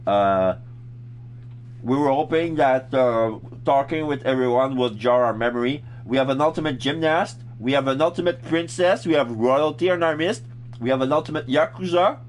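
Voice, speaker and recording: A man's voice: mid-range voice, moderate pace, a little hiss or hum. A man giving casual, hesitant video game commentary, often groping for words as he explains characters. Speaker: game streamer.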